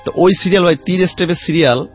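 A man telling a lively story about his life as a guest in a casual chat. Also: high voice, quick pace. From Khulna region, Bangladesh. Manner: lively anecdotal storyteller, chatty. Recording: dull lo-fi sound with faint music.

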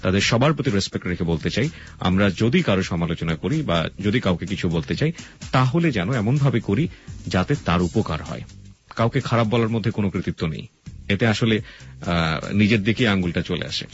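Male radio host with a lowish voice, earnest with drawn-out fillers, heard over lo-fi AM radio. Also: lively intonation. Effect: lo-fi AM radio broadcast sound. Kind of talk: talk radio address to listeners. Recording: muffled band-limited radio broadcast.

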